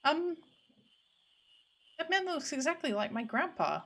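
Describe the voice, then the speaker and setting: Woman as a timid, high-voiced child adventurer. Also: very animated, a little slow, a bit bright, heavily acted. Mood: hesitant.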